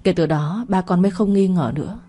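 A woman's voice: fairly low pitch, a little fast, slightly rough. A woman voicing a scheming, cruel middle-aged mother with a conniving way of talking. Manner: coaxing then sharp, conniving.

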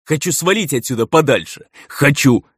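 A man's voice: low-pitched, brisk, no echo, clean studio sound. A man reading the part of a greedy, short-tempered young headman who sulks and flares up, in an audiobook. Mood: furious. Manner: sulky and explosive. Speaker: village headman.

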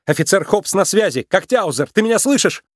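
A man's voice: high voice, very animated, a little fast, dry recording, studio quality, voice pushed up. A man reading a storybook, voicing a brave young female rabbit police officer who calls out urgent commands.

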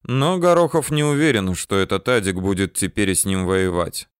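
A man reading an audiobook in measured, unhurried narration. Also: sits low, clean tone, no room sound, clean studio sound. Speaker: audiobook reader. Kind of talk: scripted narration.

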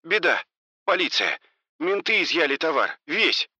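A man's voice: on the high side, very animated, a little slow, bright, forceful tone, slightly rough, no echo, voice pushed up, full character voice. A man voicing a frightened woman caught up in drug dealing, talking in a scared, pleading way.

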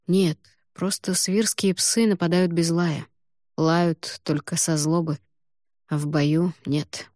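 A guarded young man with a foreign accent, as a woman narrator puts him on, clipped and quiet. He talks low and subdued, in few words, and the recording is dry and close. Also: fairly even intonation, takes it slowly, no echo. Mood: serious. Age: young adult. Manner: terse, quiet, curt.

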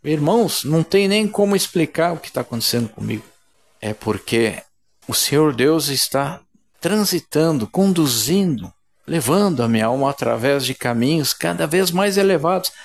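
A man's voice: on the high side, expressive, normal speed. A man preaching a sermon in a fervent, emphatic way, often addressing his listeners as brothers.

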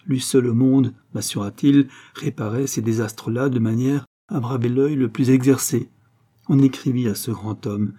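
A man's voice: medium pitch, mellow, close to an everyday voice. A man reading the lines of a young Parisian wife, earnest and pleading as she confesses.

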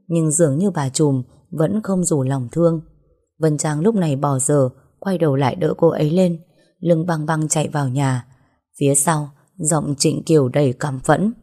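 A woman narrating a story in a steady, even way. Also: low voice.

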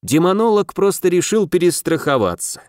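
A man voicing a calm, knowing male spirit companion in an audiobook who speaks in an assured, low-key way. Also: moderate pace, dry recording, clean studio sound.

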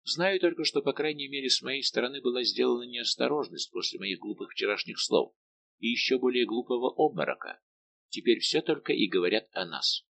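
A timid young maid of honour pleads softly and anxiously, voiced by a man reading a historical novel aloud. The voice sits mid-range with a rough, gravelly grain, and there is a faint hiss under the recording. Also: medium pitch, lively intonation, a little fast. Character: shy gentle young female court maid of honour.

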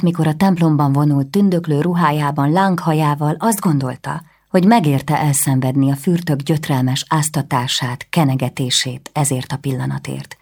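A woman reading a historical novel aloud as an audiobook narrator, in a measured, even way. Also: deep voice. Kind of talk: scripted narration.

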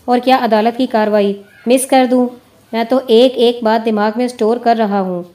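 Woman reading restless male journalist, boastful, grumbling, mellow, higher voice. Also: close to an everyday voice.

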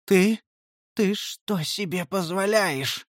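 A spoiled young elf wheezes and stammers in a hoarse, whiny voice, as a male audiobook reader puts him on. The pitch sits above the reader's own, and the sound is close and dry. A storybook bully brought low. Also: takes it slowly, no echo. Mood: indignant. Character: arrogant young male elf, cowed and whimpering.

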